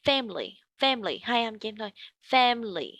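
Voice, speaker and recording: A woman with a Vietnamese accent teaching English pronunciation, modelling words slowly and repeating them for her student. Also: a little high, sing-song, fairly bright tone, dry recording.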